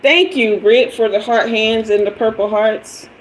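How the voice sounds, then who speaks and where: Her voice sits on the high side and moves a little slowly, with slight background noise on a low-quality recording. She's a fifties-aged woman reading tarot on a casual stream, bantering playfully, saying hello to viewers, asking for emojis, and drifting from the mic and back.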